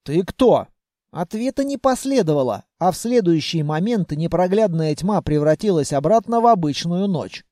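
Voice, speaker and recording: A man's voice: sits high, lively intonation, normal speed, few pauses, mellow, no echo, studio quality. A man narrating a first-person fantasy audiobook in a wry, ironic manner.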